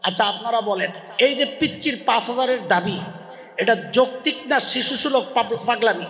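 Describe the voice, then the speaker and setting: A male preacher gives a loud waz sermon. He quizzes the crowd and has them shout the answers back. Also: very high voice, moderate pace. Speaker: Islamic preacher. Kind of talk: Bengali waz sermon with call-and-response. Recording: long echoey reverb of a big space.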